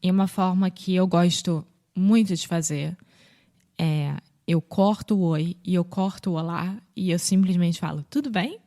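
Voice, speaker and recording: Speaking a little slowly, a woman from Brazil explains common greetings on a language podcast she co-hosts. Her accent is Rio de Janeiro Portuguese; the teaching chat is casual and patient, and she performs examples with bright pitch jumps.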